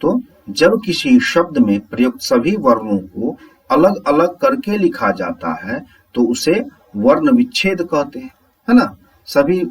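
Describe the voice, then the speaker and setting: A man teaching a Hindi grammar lesson, explaining slowly step by step and asking the viewers whether it is clear. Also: fairly high pitch, recorded from a distance, poor audio.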